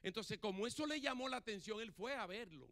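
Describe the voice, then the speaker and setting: A man's voice: high-pitched, lively intonation, a little fast, a bit bright. A male pastor preaching a sermon in a church, acting out Bible dialogue and putting questions to the congregation. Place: church sanctuary.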